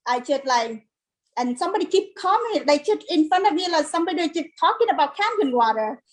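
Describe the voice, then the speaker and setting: High-pitched, sing-song and brisk, the voice belongs to a middle-aged home business owner from Vietnam. She chats casually as an interview guest in Vietnamese-accented, non-native English, captured in a low-quality recording.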